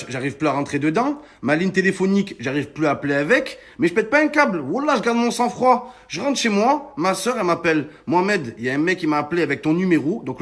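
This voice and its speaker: A man's voice: high-pitched, fairly bright tone. A man, telling a story in a heated vlog rant, swearing and acting out the other people in it. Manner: heated, emphatic, swears a lot, acts out callers. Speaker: influencer telling his story.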